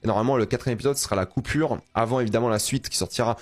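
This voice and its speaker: A man's voice: mid-range voice, racing. A man giving blunt, matter-of-fact commentary to camera. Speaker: entertainment news commentator.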